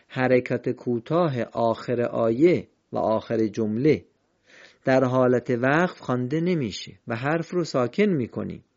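A man teaching the rules of Quran recitation in a patient, step-by-step way, slowly chanting example verses. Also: mid-range voice, darkish tone, dull audio. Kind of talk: recorded lesson on recitation rules.

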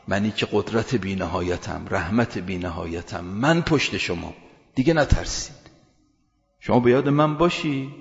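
A man preaching a sermon, telling stories earnestly and building emphasis with rising, louder phrases. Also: fairly low pitch. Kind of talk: sermon with storytelling. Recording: long hall reverb, dull lo-fi sound.

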